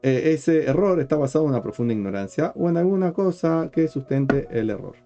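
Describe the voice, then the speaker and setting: Mellow-voiced rabbi teaching patiently. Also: male voice, a little high, lively intonation, a little fast. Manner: checks understanding with frequent rhetorical questions; points at written material while explaining. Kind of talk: explanatory teaching talk. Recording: dull lo-fi sound with faint guitar music.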